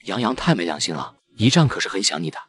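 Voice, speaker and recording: A teasing young uncle and company boss, played by a man in a cartoon drama. His voice sits very low but swings widely, and he talks fast in a playful, ribbing way. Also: very animated, a bit bright, breathy edge, faint music behind, exaggerated voice.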